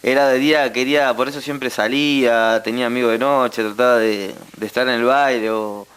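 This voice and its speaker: A young Argentine man with a Rioplatense accent giving a heartfelt personal testimony as a guest, halting and full of repeated tag questions. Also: medium pitch, steady tone, a bit bright, clean tone.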